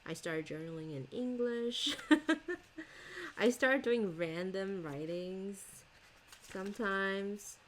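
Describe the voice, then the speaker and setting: A stationery vlogger, a woman whose first language is Chinese, chats casually and rambles while showing off her planners, laughing often. Her medium-pitched voice is animated but slow, with long pauses and a faint hiss or hum underneath.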